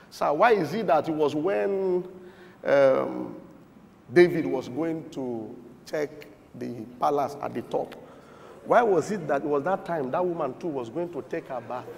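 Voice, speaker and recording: A man preaching a sermon, swinging from shouted points to murmured asides. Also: a little high, unhurried, vocal fry, in a large hall, slight background noise. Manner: emphatic, swings between shouting and murmuring, chuckles often.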